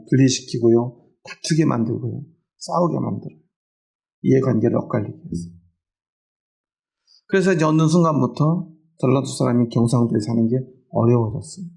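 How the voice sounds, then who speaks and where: A man's voice: mid-range voice, vocal fry, darkish tone. A middle-aged male pastor preaching a sermon in a conversational way, often asking the congregation questions.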